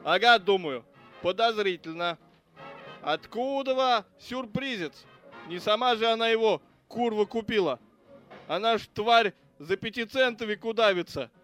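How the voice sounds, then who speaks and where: Man reading crude angry cop, high voice, ranting, cursing, audiobook, faint music. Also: lively intonation, unhurried, fairly bright tone. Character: foul-mouthed grudging adult male cop.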